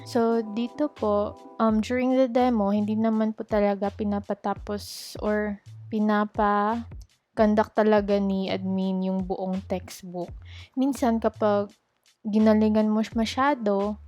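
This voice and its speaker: A woman's voice: mid-range voice, flat delivery, unhurried, a little mellow, lo-fi sound, faint music behind. A woman with a Filipino accent, an English tutor walking learners through a teaching demo step by step, politely switching between Tagalog and English. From Philippines. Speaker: online English tutor giving advice. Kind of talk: explanatory tutorial walkthrough.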